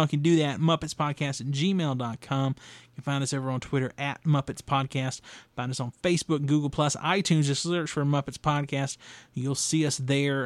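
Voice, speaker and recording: A young man hosts a casual solo podcast, wandering from point to point with plenty of fillers. His voice sits a bit high and sounds smooth, recorded close and dry. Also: dry recording. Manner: rambling, with fillers and restarts. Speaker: podcast host.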